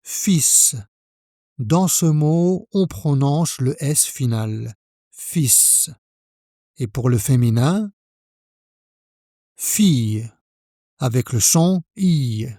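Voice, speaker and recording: A man from France teaching French pronunciation, speaking slowly and carefully, spelling out each sound for the learner. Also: medium pitch, animated, mellow, no echo, studio quality. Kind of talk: pronunciation lesson.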